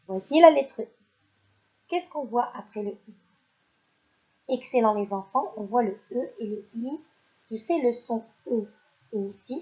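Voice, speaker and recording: A woman teacher leads young children through a phonics lesson, speaking slowly and clearly and praising them often. Her voice sits a little high. The recording is dull and lo-fi. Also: mellow. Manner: slow, clear, encouraging teacher talk, praising unseen pupils. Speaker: primary school teacher.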